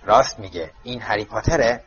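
A man voicing a bitter, ancient male house-elf servant who mutters insults in a croaking voice, on dull lo-fi audio. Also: on the low side, a bit bright, voice pushed down. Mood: grumbling. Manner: grumbling insults under his breath.

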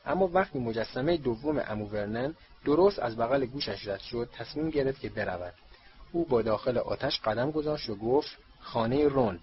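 A man narrating a storybook in a steady, measured reading voice. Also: medium pitch, dull audio, slight background noise. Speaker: audiobook narrator.

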